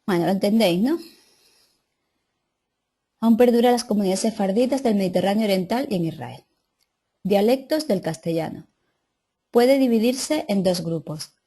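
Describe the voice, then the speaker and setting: A woman's voice: mid-range voice, moderate pace, pauses often, warm tone, slightly rough. A woman teacher reading lesson notes aloud and adding casual asides to her students. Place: classroom or online class.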